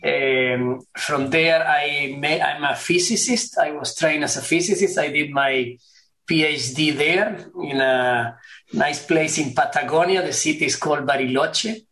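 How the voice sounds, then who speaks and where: A middle-aged man answers interview questions in a courteous, halting way, often repeating words. His voice sits a little high for a man. The sound is roomy, with an echo off the walls. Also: pushed and bright. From Argentina. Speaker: guest professor. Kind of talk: webinar interview.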